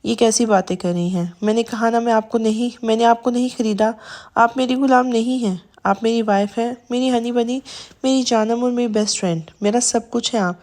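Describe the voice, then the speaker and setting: A woman's voice: a little high, fairly even intonation, darkish tone, close to an everyday voice. A woman voicing a devoted young husband who soothes and coaxes his crying wife, repeating pet names. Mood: earnest. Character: devoted young husband, tender and guilt-ridden.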